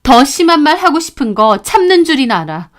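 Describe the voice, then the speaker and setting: High-voiced woman narrating indignantly. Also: sing-song, brisk. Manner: indignant, confiding. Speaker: storyteller. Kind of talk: scripted first-person story narration.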